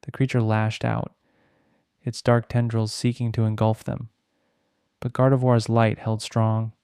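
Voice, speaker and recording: Male bedtime-story narrator: mellow, clean and resonant, measured delivery with dramatic pauses. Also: on the low side, completely flat delivery, smooth, no echo, clean studio sound.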